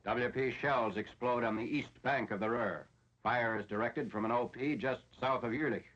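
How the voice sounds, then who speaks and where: An American military newsreel narrator delivers scripted 1940s narration in a formal, matter-of-fact reporting style. His voice is medium-pitched and fairly bright at a normal speed. The vintage recording is dull and lo-fi, typical of a 1940s film soundtrack.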